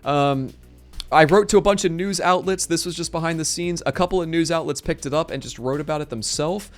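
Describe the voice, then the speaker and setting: His voice fairly high and getting hoarse, a man live-streams a casual, fast-paced, excited ramble about organizing a tournament. Faint music can be heard in the background.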